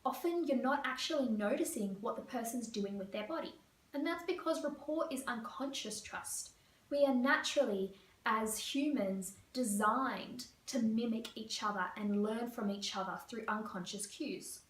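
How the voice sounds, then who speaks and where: A woman career coach from Australia, explaining interview tips to camera in a fast, lively way. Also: on the high side. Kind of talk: teaching to camera. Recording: echoey room, voice a bit far.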